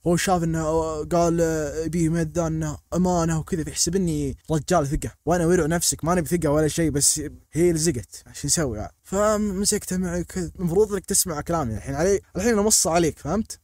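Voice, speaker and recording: A man telling a comic story, animated and jumping into mock voices for the people in it. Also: a little high, no room sound, studio quality. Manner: rapid, animated, slips into mock voices for characters.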